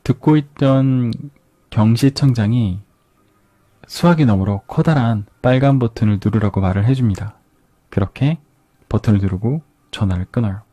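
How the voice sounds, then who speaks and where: Calm man retelling a thriller. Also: medium pitch, moderate pace, dry recording. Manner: calm storytelling with repeated phrases. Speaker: book reviewer. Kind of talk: ASMR book retelling. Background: soft background music.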